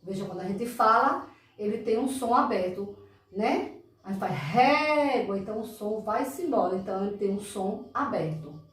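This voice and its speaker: A Brazilian primary school teacher, a woman, leads a recorded lesson for children in a mid-range, slightly bright voice. She draws out words with emphatic enunciation and checks in often with "tá?", while the distant mic picks up an echoey room.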